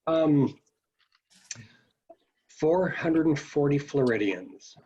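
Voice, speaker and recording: Joking game show contestant, lively pitch. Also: extremely slow, slightly rough, lo-fi sound. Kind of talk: casual game chat over a video call. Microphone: video call.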